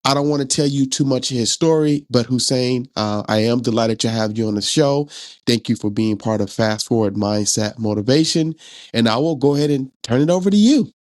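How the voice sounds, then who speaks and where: A man's voice: mid-range voice, fairly quick, dry recording, clean studio sound. Hyped-up male podcast host. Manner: hyped, energetic intro delivery. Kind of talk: casual podcast interview.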